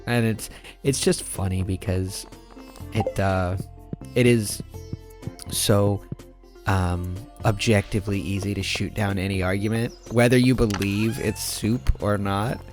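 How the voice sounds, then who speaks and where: Low-voiced man rambling over game music. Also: fairly even intonation, measured pace, darkish tone. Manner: rambling, with many fillers and restarts. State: sleepy, yawning. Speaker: gameplay commentator. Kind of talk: rambling casual commentary over gameplay. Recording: clear background music. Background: background game music.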